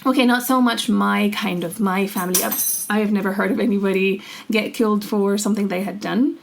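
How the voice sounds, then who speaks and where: In casual podcast chat, a young Syrian co-host recounts personal stories with earnest warmth and easy laughter. Her creaky, medium-pitched voice holds a steady tone at a fairly quick pace, with slight background noise.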